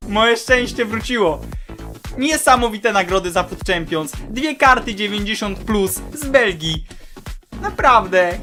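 A man with a hoarse, sore throat giving eager, exclaiming commentary as a gaming channel host. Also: high-pitched. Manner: eager, exclaims at each card. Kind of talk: excited pack-opening commentary.

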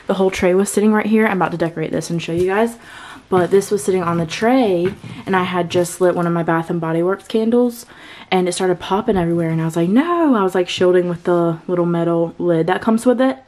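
A woman's voice: on the low side, fairly quick, darkish tone, a little hiss or hum, low-quality recording. A woman vlogging casually from a guest bedroom at home, chatty and full of filler words, with a sore throat and a cough drop in her mouth. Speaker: lifestyle vlogger. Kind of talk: casual chat.

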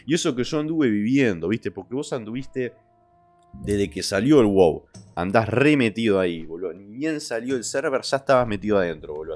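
Crude, joking Argentine streamer man. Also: lowish voice. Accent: Argentine Spanish. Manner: crude, joking, trash-talking; loud outbursts and sudden drops to a mutter. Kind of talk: casual livestream chat reading viewer messages.

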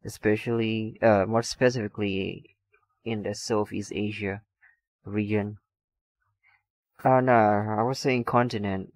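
A young Indonesian streamer with a voice on the low side chats slowly while reading viewer comments. The talk is halting and loose, packed with restarts and laughs. His shotgun mic isn't aimed at him, and game music hums faintly in the background.

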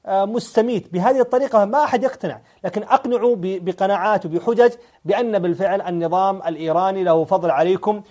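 A man hosting a live call-in show, pressing callers with rapid questions. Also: high voice, mellow. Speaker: talk show host.

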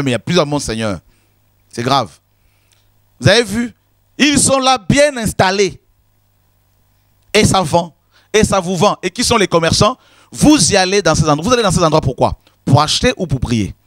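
A man's voice: high-pitched, a bit bright, no room sound, studio quality. A man preaching a sermon, emphatic and repetitive, often calling his listeners "my friends". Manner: emphatic, repetitive, addresses listeners as "mes amis".

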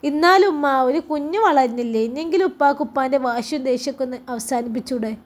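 A woman voicing a grown son who calmly reasons with his mother, in a Malappuram Malayalam accent. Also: sits high, quick pace, close to an everyday voice. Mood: reassuring.

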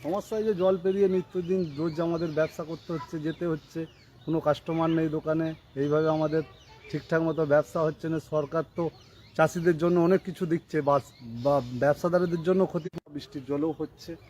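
A man's voice: a little high, level tone, brisk, a little mellow. A man, a local shopkeeper, interviewed outdoors, complaining plainly about hardship. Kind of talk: street interview. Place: outdoors in a flooded village.

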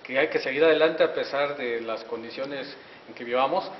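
Here a middle-aged man reporting for community TV interviews guests in a wood-paneled auditorium hallway indoors, handheld mic in hand, effusively offering congratulations between many fillers. He talks at medium pitch and normal speed. The recording has a little hiss or hum and sounds dull and echoey from a distance.

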